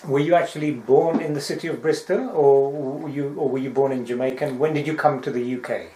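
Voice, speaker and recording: A man's voice: medium pitch, steady tone, fairly quick, dark tone. A man hosting an interview, asking polite, formal questions. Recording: roomy.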